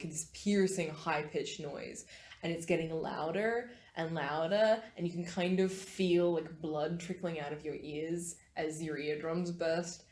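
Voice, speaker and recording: Woman game master, lowish voice, roomy sound, halting narration full of fillers. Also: a little mellow, slight background noise. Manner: hesitant, filler-heavy narration. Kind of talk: narrating a tabletop horror game.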